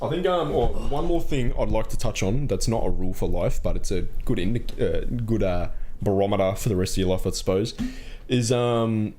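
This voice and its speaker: A man's voice: lowish voice, expressive, a little fast, warm tone. A young man in his twenties co-hosting a podcast, talking casually and thoughtfully, with lots of hesitant fillers. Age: 20s. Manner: reflective, hesitant, many fillers. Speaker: podcast co-host. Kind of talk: casual chat.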